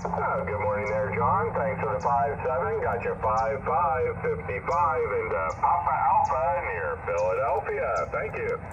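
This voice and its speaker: A man's voice: on the low side, unhurried, distant mic. A ham radio operator, a man, chatting casually with many fillers, heard over a fading shortwave radio. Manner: relaxed, hesitant, many fillers. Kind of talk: casual radio contact chat. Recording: tinny noisy shortwave radio receiver.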